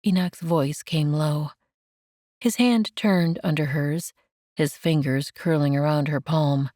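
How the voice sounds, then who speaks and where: Narrating romance fiction for an audiobook, this woman has a somewhat low voice and a slow, gentle, measured delivery. The recording is dry, with no room sound at all.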